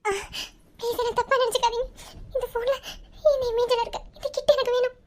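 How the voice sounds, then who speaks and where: A fast, very high-pitched voice for an anxious young college girl, as a woman voices her in a cartoon love story. She quips at her friend and begs strangers for help in a rush. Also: flat delivery. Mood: pleading. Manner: teasing with her friend, then pleading and tearful. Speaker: lead character in an animated love story. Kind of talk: Tamil cartoon voice acting.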